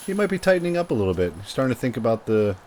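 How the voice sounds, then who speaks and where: A man giving measured, analytical golf-style commentary on a disc golf tournament, explaining shots and holes. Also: medium pitch, big pitch swings, a little mellow, slight background noise. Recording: music behind the voice. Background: music.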